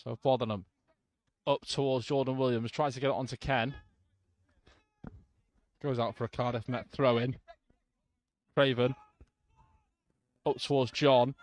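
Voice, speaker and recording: A man's voice: medium pitch, a little slow, pauses often, no room sound. Man calling football from the stands. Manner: calm play-by-play with brief asides to listeners. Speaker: football radio commentator. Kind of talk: live football commentary.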